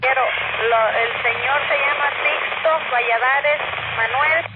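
A woman answering as a dispatcher over a two-way radio, with short, brisk prompts. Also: sits high. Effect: two-way radio transmission. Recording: tinny radio with heavy static.

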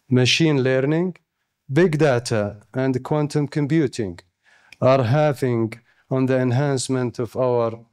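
A man with a Saudi Arabian accent delivers a formal keynote on an indoor conference stage, his mid-range voice a little mellow. He reads from prepared notes in a measured way, pausing deliberately, into a handheld mic on a stand close to his mouth.

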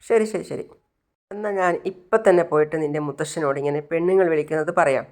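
Suspicious sharp wife, as a woman reads her, loud, lowish voice. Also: quick pace.

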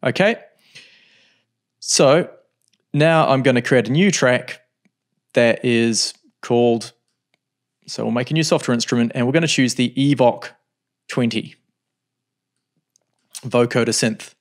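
This music software tutorial comes from a middle-aged man speaking at medium pitch. He goes step by step in a relaxed manner, stopping now and then to think, while seated at a home studio desk.

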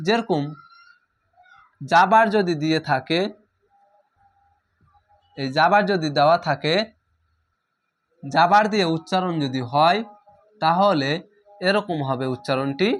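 Slow, patient male teacher drilling sounds. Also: on the high side, a bit bright. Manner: speaks directly to learners with check-in questions. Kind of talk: recorded beginner reading lesson.

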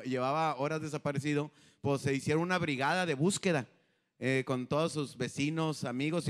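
High-voiced joking man. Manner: crude slang-heavy storytelling, acts out characters. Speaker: comedian host. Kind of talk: live stand-up storytelling.

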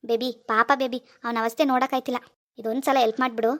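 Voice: mid-range voice, level tone, quick pace, fairly bright tone, lightly acted. A voice actor playing Sanju, a young cartoon boyfriend who keeps begging and wheedling. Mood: pleading. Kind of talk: cartoon voice acting.

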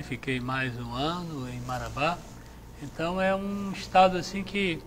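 A middle-aged man, a Jesuit priest from Salvador, answering interview questions in a measured, reflective way on a lapel mic in a TV studio. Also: fairly high pitch, a bit bright, slight background noise. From Salvador, Bahia, Brazil. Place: TV studio with chapel set.

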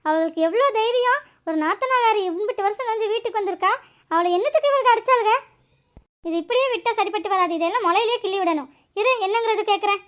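A bossy old grandmother in a family cartoon, voiced by a woman. She nags and scolds everyone with a very high, piercing voice. Her temper flares quickly at her daughter-in-law. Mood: scolding. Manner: scolding, nagging.

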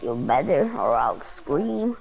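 Gamer doing a low drawn-out demon voice, menacing, slow threat, for a gaming video. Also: sing-song, gravelly, music in the background, heavily acted, rough recording.

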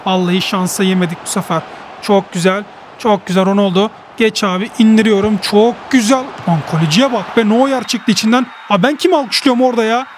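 A man giving live commentary over a football video game, excitable and boastful, joking about his own play. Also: high-pitched, a little fast, slight background noise. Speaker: gaming YouTuber.

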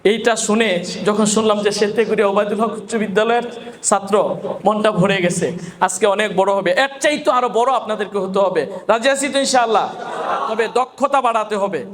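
A man with a very high voice gives a motivational speech to students at a farewell event. He speaks as an Islamic scholar and keeps asking his listeners rhetorical questions to draw them in. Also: a bit bright. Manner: asks the audience rhetorical questions.

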